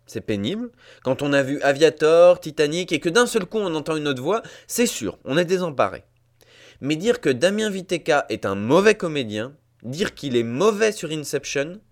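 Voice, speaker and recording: A man hosting a scripted commentary, talking emphatically and addressing listeners directly. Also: medium pitch. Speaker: host.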